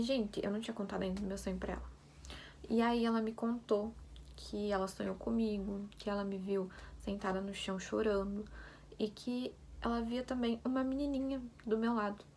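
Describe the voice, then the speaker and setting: A young woman telling a personal faith story in casual vlog style, soft-spoken and often dropping to a near whisper. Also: a little high, flat delivery, brisk, slight background noise. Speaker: vlogger sharing a faith story.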